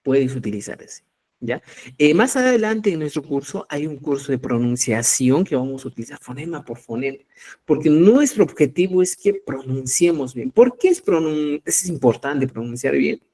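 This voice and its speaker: Lively Peruvian man teaching a class. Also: a little high. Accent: Peruvian Spanish. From Cusco, Peru. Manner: explanatory, checks in with listeners; demonstrates sounds slowly. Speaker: Quechua teacher. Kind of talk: live online language class.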